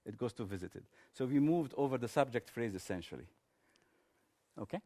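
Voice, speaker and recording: Man, conference presenter, technical explanation, informal delivery, medium pitch. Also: animated, moderate pace, dark tone.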